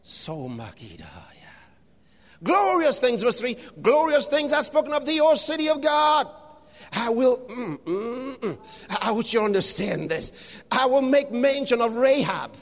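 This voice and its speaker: A man preaching a fervent sermon, reading scripture aloud, calling out to the congregation and shouting refrains, at times slipping into speaking in tongues. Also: extremely high pitch, sing-song, unhurried. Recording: long hall reverb.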